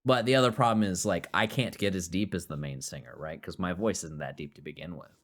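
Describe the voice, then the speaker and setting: A young man with a low-pitched voice hosts a podcast at a brisk pace. He chats casually and rambles, joking around and swearing freely.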